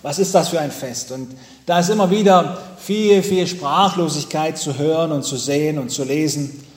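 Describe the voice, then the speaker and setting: A man preaching a sermon from the pulpit to his congregation, telling stories with dramatic pauses and emphatic repetitions. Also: on the high side. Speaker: pastor. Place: church with pulpit. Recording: echoey church hall.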